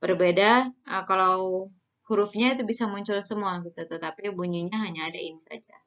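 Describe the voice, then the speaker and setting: A woman with an Indonesian accent teaches in a loose, conversational way, scattering fillers and tag questions as she explains. Her voice sits at a middle pitch. The recording sounds a bit dull and lo-fi. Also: brisk. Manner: relaxed, conversational, many fillers and "gitu kan" tags. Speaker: university lecturer. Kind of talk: recorded online lecture.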